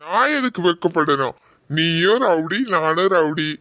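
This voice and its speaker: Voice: medium pitch, lively intonation, measured pace, heavy background noise, natural voice. A performer voicing a shameless, cheeky young rowdy man in a cartoon.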